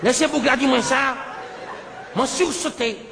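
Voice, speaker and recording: High-voiced man doing comic stand-up. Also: a little slow, creaky, a crowd in the background. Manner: broken-French comic character speech, sudden shouted bursts. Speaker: comedian. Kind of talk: stand-up storytelling. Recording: live show with audience laughter and background noise. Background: audience laughing.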